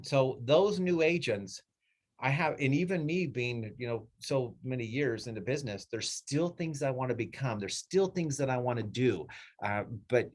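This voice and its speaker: A middle-aged man leading a team meeting, coaching real estate agents in a rambling, animated way, often acting out clients in a raised voice. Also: medium pitch, moderate pace. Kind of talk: casual coaching talk.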